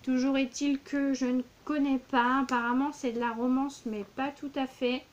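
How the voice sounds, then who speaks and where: A woman's voice: sits high, little pitch movement, moderate pace, dull audio. Chatty woman gushing over books. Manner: gushing, with many fillers and repeated words. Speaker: book vlogger. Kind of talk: casual book haul vlog.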